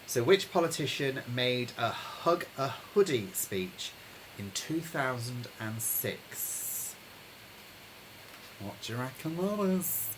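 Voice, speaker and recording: A man hosting a live-streamed pub quiz from home, chatting with viewers and reading each question slowly, then repeating it. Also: medium pitch, very animated, noisy background. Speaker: quiz host. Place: home during lockdown.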